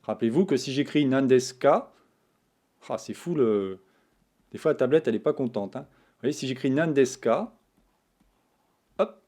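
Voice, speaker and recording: A man's voice: medium pitch, moderate pace, pauses often. A man hosting a Japanese lesson, chatting casually while he draws characters on a tablet. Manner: relaxed, chatty, talks while drawing strokes. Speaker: Japanese teacher, channel host. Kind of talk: casual screen-tablet writing tutorial.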